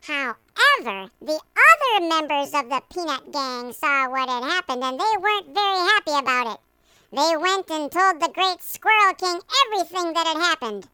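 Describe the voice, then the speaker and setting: A very high, bright little squirrel voice bounces all over the place as it tells its tale. It is bubbly, chatty and full of playful puns, like a puppet in a children's church lesson. The sound is dry and close. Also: moderate pace, no echo, heavily acted. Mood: storytelling. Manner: bubbly, animated storytelling with punny asides.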